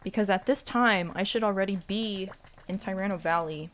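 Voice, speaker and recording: A woman's voice: medium pitch, normal speed, soft background music. A woman streaming a game and chatting with viewers in a rambling, self-deprecating way. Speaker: streamer and speedrunner. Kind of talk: casual livestream chat while gaming.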